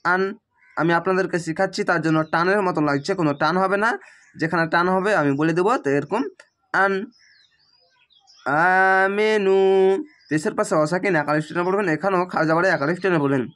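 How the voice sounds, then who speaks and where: A man teaching Quran reading, chanting each Arabic word slowly and stretched out, then explaining the rules quickly in plain speech. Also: high-pitched, fairly bright tone. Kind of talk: slow spelled-out recitation lesson.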